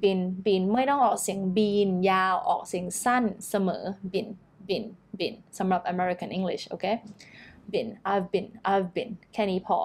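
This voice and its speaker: Unhurried woman coaching pronunciation. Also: medium pitch, steady tone. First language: Thai. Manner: switches between Thai explanation and slow, drawn-out English model words. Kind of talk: casual online pronunciation lesson.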